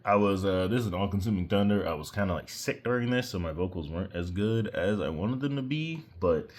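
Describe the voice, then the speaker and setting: In a casual screen-share tutorial, a musician with a very deep voice walks through his own mix in a loose, offhand way. He rambles, drifts off topic now and then, and pokes fun at his own skills.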